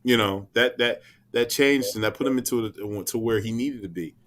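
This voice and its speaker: A man in his thirties from Philadelphia, USA, guests on a casual podcast, telling stories in a lowish voice at normal speed. He's an animated storyteller who uses slang and acts out what people said.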